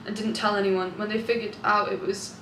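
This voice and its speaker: A woman's voice: medium pitch, level tone, brisk, fairly bright tone. A young British woman reading out confessions and reacting in a chatty, candid way, gleeful and amused at the gossip. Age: young adult. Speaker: online video host. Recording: echoey room, clear background noise.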